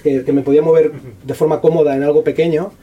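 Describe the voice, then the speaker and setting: A man, an author talking about his book at a bookshop event in fast, slangy, profane speech full of restarts. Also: on the high side, level tone, husky, lo-fi sound. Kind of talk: casual talk at a book presentation. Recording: distant voice with faint room noise.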